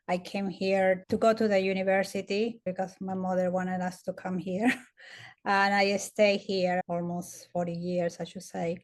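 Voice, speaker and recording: A woman in her fifties from Peru with a Peruvian Spanish accent, telling food memories as a podcast guest with soft laughs. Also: medium pitch, little pitch movement, a little slow. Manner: warm storytelling with frequent soft laughs. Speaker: guest dietitian. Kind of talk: conversational interview.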